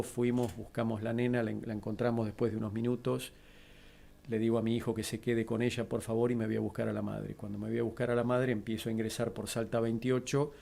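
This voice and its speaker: A middle-aged man with an Argentine accent, a guest in an interview, calmly recounting a personal tragedy. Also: medium pitch, creaky. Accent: Argentine Spanish. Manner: measured, steady, composed.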